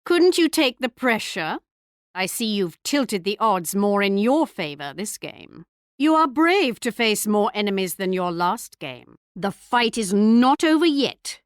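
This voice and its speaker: A woman's voice: mid-range voice, sing-song, unhurried, no echo, clean studio sound. An actress playing a haughty queen in a strategy video game, speaking in a regal, arch, mocking manner. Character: haughty English queen leading her empire, taunting rivals. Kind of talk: scripted strategy game taunts and announcements.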